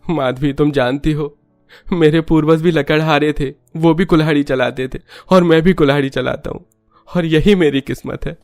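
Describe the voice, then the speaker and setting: A man's voice: a little high, steady tone, moderate pace, a little mellow, no echo, soft background music, lightly acted. Man doing a poor woodcutter, humble pleading voice, storybook acting, dry close sound. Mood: worried. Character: poor weary male woodcutter, family father.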